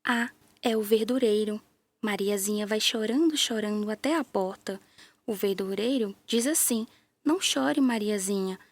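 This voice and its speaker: A woman with a Brazilian Portuguese accent narrating a children's story in a gentle, playful way, with little sound effects. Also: mid-range voice, moderate pace, no echo.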